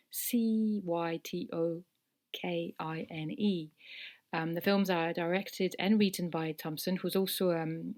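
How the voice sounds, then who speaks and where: Woman co-host, somewhat low pitch, enthusiastic presenter. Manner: enthusiastic, explanatory. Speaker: podcast co-host and interviewer. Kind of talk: podcast presenting.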